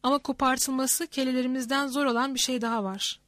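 Woman voicing a stern old male elder, grave and measured; high pitch, dry close mic. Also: fairly even intonation, fairly bright tone, no room sound.

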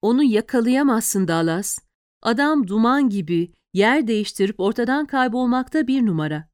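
A woman's voice: a little high, expressive, normal speed, darkish tone, dry recording, studio quality, lightly acted. A woman reading an audiobook, voicing a shrewd female reporter who speaks earnestly and persuasively to a friend.

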